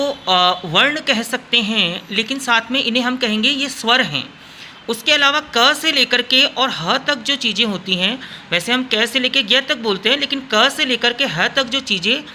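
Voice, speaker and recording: Guy teacher going over grammar with students, real sharp bright voice, keeps repeating stuff. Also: very high voice, slight background noise. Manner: repetitive, addresses students directly, drawn-out sounds in demonstrations. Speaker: school teacher. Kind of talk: classroom grammar lesson.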